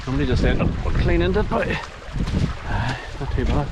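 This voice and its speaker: A man's voice: medium pitch, animated, moderate pace. Northern Irish man, casual hiking vlog, thinks aloud mid-walk, handheld phone, heavy wind noise outdoors. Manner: chatty, thinking aloud while walking. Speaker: hiking vlogger. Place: outdoors on a wet, windy mountain trail. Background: wind and rain.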